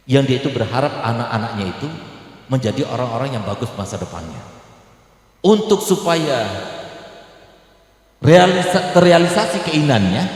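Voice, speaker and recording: A man from Indonesia preaching a sermon, emphatic, swinging between loud exclamations and quiet asides. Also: fairly high pitch. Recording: echoey hall.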